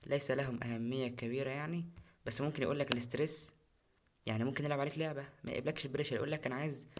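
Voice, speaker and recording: A man's voice: mid-range voice, background noise. A young man with an Egyptian Arabic accent, tutoring physics for an exam in a casual, chatty way and repeating key terms. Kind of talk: recorded exam-prep lesson.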